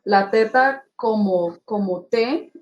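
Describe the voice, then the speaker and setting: A woman's voice: medium pitch, slow pace, darkish tone, lo-fi sound. A woman student asking her teacher about pronunciation in a class, with hesitant restarts.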